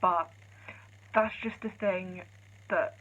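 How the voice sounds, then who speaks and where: Quiet-spoken woman on lo-fi phone audio. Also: lowish voice, fairly even intonation, takes it slowly. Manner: talking quietly, chatty and rambling. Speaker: vlogger. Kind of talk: casual vlog chat. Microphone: phone camera.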